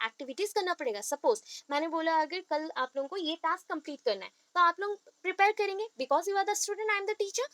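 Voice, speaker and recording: A woman teacher from India lectures in a high, bright voice. She switches between Hindi and English and keeps asking her listeners questions. The recording is close and dry. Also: no echo. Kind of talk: explanatory classroom lecture.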